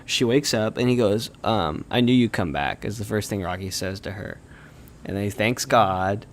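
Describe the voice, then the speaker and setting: A man's voice: lowish voice, moderate pace, a little hiss or hum. A man chatting casually on a stream, animatedly retelling film scenes and quoting characters' lines. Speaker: stream co-host. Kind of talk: casual chat recapping a film.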